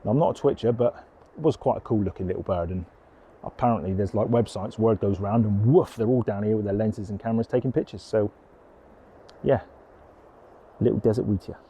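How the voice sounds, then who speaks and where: A man's voice: fairly low pitch, a little fast, mellow, slight background noise. A man chatting casually as a landscape photographer, rambling in a down-to-earth way while outdoors on a coastal headland. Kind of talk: casual vlog chat.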